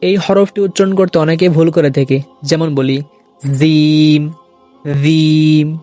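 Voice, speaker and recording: A man teaching Arabic letter sounds in a video lesson, saying each letter slowly and then repeating it for learners to copy. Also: fairly high pitch, warm tone, no echo, faint music behind.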